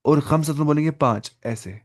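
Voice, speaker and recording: A man teaching an online Arabic class, patiently repeating each word slowly for his student over a video call. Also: a little high, darkish tone.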